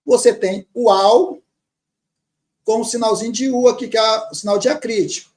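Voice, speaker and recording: A man teaching grammar, reading words slowly from a text and repeating them patiently. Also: sits high, steady tone, a little mellow. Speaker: teacher of Syriac Aramaic.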